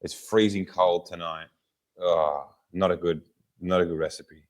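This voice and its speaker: A man, hoarse from a sore throat, co-hosting a podcast in casual, self-deprecating chat. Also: sits low, steady tone, unhurried. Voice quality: rough, smoker-like voice. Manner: dry self-deprecating banter. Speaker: podcast co-host.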